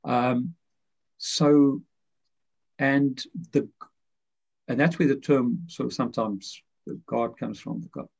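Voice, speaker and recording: A man's voice: medium pitch, steady tone, takes it slowly, vocal fry, pauses often, a little mellow. A man, a guest author, explaining his ideas in a rambling way full of fillers and restarts. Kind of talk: conversational explanation. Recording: muffled lo-fi audio.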